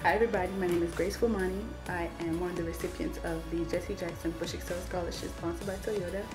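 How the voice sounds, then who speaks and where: A young woman from Cameroon thanks her sponsors as a scholarship recipient. Her voice sits low, and she sounds earnest with a touch of hesitancy. Music plays clearly behind her. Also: fairly even intonation, fast talker. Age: young adult. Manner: earnest, with some hesitant ums. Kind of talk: recorded thank-you message.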